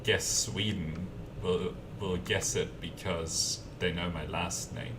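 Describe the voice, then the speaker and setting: This game streamer from Germany speaks in a low voice with fairly even intonation and a slow pace, his mild German accent carrying an Australian twang. He keeps up relaxed, chatty live-stream talk as he builds, fielding viewer questions between tasks, over a noisy background of keyboard typing picked up by a distant mic.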